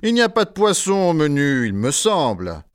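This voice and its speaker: A man's voice: a little high, huge pitch swings, moderate pace, smooth, no echo, studio quality. A man playing a stern head chef who gives orders to his kitchen brigade in a scripted textbook dialogue. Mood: firm. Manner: firm, commanding.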